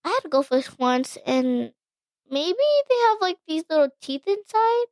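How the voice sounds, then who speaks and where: High-voiced woman rambling eagerly. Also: expressive, moderate pace, no room sound. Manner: eager, rambling, with many likes and restarts. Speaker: podcast guest. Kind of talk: casual movie recap chat.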